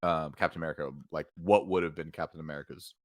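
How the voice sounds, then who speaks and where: A man's voice: extremely low pitch, steady tone, fast talker, no echo, studio quality. A man co-hosting a podcast in casual chat, rambling with many fillers and restarts. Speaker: podcast co-host.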